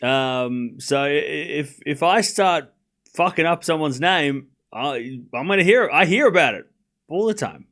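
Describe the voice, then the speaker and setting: With a fairly high, unhurried voice, a young Australian man calls tennis points on a live stream while chatting easily with viewers. He rambles in a laid-back way, answers chat after reading it out, and drops casual swear words.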